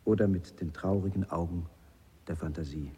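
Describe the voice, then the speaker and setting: An actor playing an overwrought, lovesick suitor with a cold, gushing and faltering in a very husky voice. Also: male voice, deep voice, fairly even intonation, moderate pace, dark tone, long reverb tail. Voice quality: very husky, raspy. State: has a cold.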